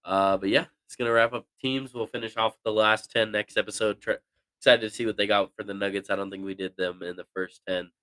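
A man's voice: fairly low pitch, steady tone, fast talker, a bit bright, no room sound. A young man co-hosting a casual sports podcast, answering in a laid-back, joking, slangy way. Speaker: podcast co-host.

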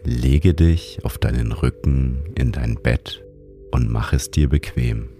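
A man narrates a guided sleep meditation in a soothing, calm manner, like a sleep-story narrator. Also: a bass voice, slow pace, gravelly, soft background music. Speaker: meditation guide and show host.

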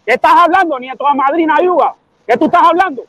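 Cuban man, very high voice, combative, repeats his point over and over. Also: fast talker, a bit bright, dry recording, rough recording. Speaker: live stream debater. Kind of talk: heated live argument.

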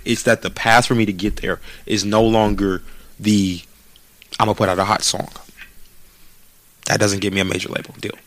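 A podcast co-host in his late twenties who wants to be a rapper chats casually, cursing, using slang, and repeating words while thinking. He speaks at a moderate pace with a flat delivery, a fairly low pitch, a somewhat bright tone, and frequent pauses.

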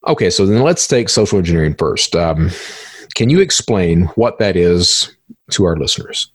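Husky and low, this man's voice sounds animated as he hosts a podcast at a moderate pace. His interview style is casual, with blunt, colloquial talk and the occasional swear word.

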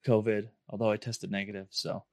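A man with a hoarse, under-the-weather voice, hosting a podcast in an informal, upbeat way. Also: on the low side, little pitch movement, brisk, a little mellow, no echo, clean studio sound. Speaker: podcast host. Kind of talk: casual podcast talk to listeners.

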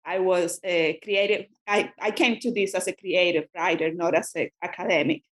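A woman's voice: fairly low pitch, steady tone, normal speed. A woman who grew up in Cuba and speaks Spanish natively, answering as a guest scholar in an academic interview, thoughtful and often restarting her sentences.

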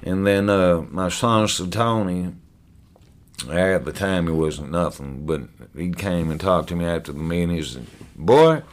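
Speaking low and steady at a normal speed, a man shares his story as a podcast guest. His manner is blunt and profane, rising in volume as he relives events, and he keeps repeating words as he starts sentences over.

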